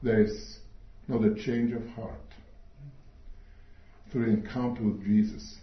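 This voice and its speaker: A middle-aged man delivers a sermon in slow, deliberate English, pausing often to find his words. His voice sits a little low. The recording is dull and roomy, as if captured in a hall. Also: fairly even intonation. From Switzerland. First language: not English. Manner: slow, earnest, pauses often with fillers. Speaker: speaker at a church meeting. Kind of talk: sermon talk.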